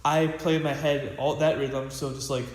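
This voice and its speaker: A man's voice: mid-range voice, little pitch movement, moderate pace. A teenage boy giving a casual snare drum practice lesson, rambling with lots of fillers and restarts. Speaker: student percussionist. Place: practice room with a drum pad. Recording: echoey room with loud hiss.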